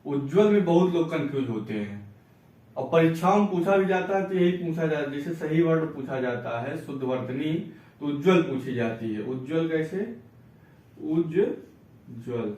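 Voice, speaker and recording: Male teacher, patient explainer, slightly high voice, recorded off-mic in a booming room. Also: animated, a little mellow, distant mic. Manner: explains patiently, repeats words slowly, asks and answers his own questions. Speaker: Hindi teacher. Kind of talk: spelling and reading lesson. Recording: echoey room, voice away from mic.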